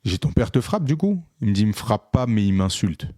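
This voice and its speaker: A man with a fairly low voice tells an animated story in casual chat, slipping in and out of dialogue with plenty of "euh"s. His voice sits close and dry, with no room sound around it. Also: a little fast, no room sound. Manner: animated, re-enacts dialogue with many fillers. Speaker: podcast co-host, photographer.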